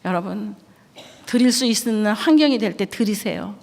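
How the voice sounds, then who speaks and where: A woman's voice: mid-range voice, lively intonation, normal speed, darkish tone. A middle-aged woman from Korea, a missionary giving an earnest, emotional church testimony. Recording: echoey church hall.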